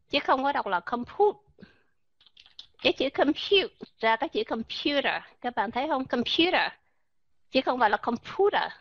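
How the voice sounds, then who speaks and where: A woman's voice: on the high side, fairly bright tone, no echo. Woman, online pronunciation teacher, chatty and questioning, lo-fi computer mic, dry sound. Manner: chatty, peppered with "ok" and English words, rhetorical questions. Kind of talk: live online pronunciation class. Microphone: computer mic in a voice chat room. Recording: dull lo-fi online voice chat audio.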